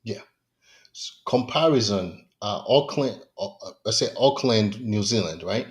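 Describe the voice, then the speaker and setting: Chatty podcast host, eager and loose. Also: male voice, lowish voice, expressive, a little slow. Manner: enthusiastic, loose phrasing with fillers. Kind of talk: casual interview talk.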